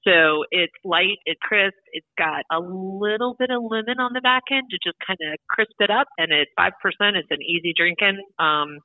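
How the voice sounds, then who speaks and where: A woman's voice: mid-range voice, lively intonation, moderate pace, few pauses, dry recording. A woman guest on a radio show, heard over the phone, explaining things in a chatty way. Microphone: telephone. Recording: tinny phone line, dry.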